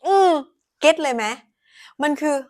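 Unhurried Thai woman, young adult, casual pronunciation teacher, switches languages, models words slowly. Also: darkish tone. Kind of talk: casual spoken lesson.

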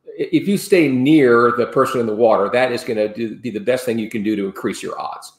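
A man in his sixties, a sailing expert, joins a video call from a room at home to explain safety steps in casual interview talk. He is earnest and rambling, restarting often, with a medium-pitched voice and a slightly fast pace. The webcam audio sounds roomy.

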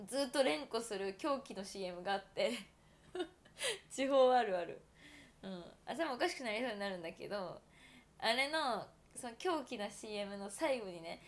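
A woman in her twenties from Toyama, chatting casually and giggling often as a livestream host, filling her talk with fillers. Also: fairly high pitch. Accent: Toyama Japanese. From Japan (Toyama). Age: 20s. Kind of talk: casual solo livestream chat.

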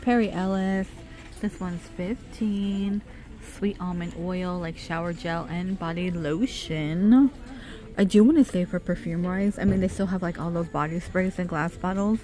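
Browsing a department store with a handheld phone camera, a middle-aged shopping vlogger casually narrates, reading aloud product names and prices. Her voice sits on the low side and sounds mellow.

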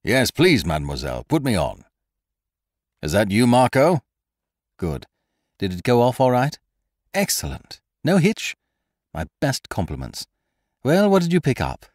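A male narrator voices a cocky gentleman thief in an audiobook, brisk and mocking, pitched well above his own voice and projected loudly with lively swoops. The storybook scheming sounds gleeful and taunting. The recording is close and dry.

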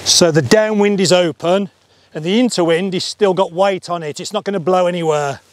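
A middle-aged man giving a relaxed paragliding lesson step by step on an open hillside, wearing a clip-on mic. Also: high voice, normal speed, slight background noise. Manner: relaxed, chatty, explains step by step. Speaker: paragliding instructor. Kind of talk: outdoor tutorial. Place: open grassy hillside outdoors.

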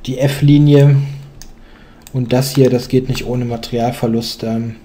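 A man's voice: medium pitch, steady tone, unhurried, mellow, slight background noise. A young man commentating a chess game, explaining moves thoughtfully with many hesitant fillers.

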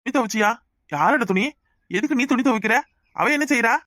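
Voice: medium pitch, expressive, brisk, bright, forceful tone, dry recording, studio quality. A performer voicing a bossy but caring middle-aged village uncle in a cartoon, with a Kanyakumari Tamil accent. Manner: bossy but affectionate, scolding. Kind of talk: cartoon voice acting.

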